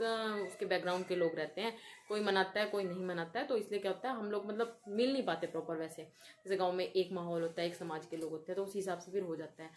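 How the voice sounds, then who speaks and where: A woman's voice: mid-range voice, slight background noise. A young woman with an Uttar Pradesh Hindi accent, chatting casually to her viewers at home in a festival vlog. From Uttar Pradesh, India. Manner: chatty, addresses viewers directly as guys. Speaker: vlogger.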